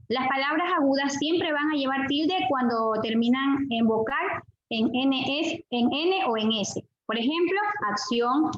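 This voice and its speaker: A woman's voice: sits high, a little hiss or hum. A woman student reading out her part of a class presentation, listing rules and examples. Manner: reads out rules and examples in a list-like way. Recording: echoey dull recording.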